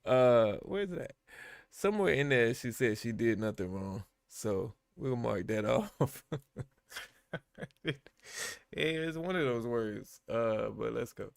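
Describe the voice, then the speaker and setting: A man's voice: mid-range voice, lively intonation, slow, gravelly, no echo, studio quality. A man hosting a live-stream reaction to bodycam videos, talking back at the people on screen and chuckling.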